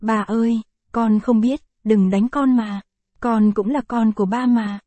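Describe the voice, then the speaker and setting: A woman's voice: on the high side, steady tone, a little slow, mellow, dry recording. A woman voicing a terrified young daughter in a read-aloud story, speaking timidly and tearfully. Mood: frightened.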